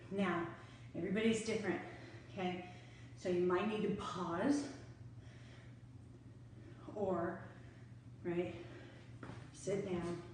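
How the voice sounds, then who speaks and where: A middle-aged woman, a fitness instructor, talks casually through a home workout in a room near the stairs, chatty and out of breath between bursts. Her voice is fairly low and darkish, with a steady tone, a slow pace, and frequent pauses. The room echoes, the camera sits far away, and there's a faint hiss or hum.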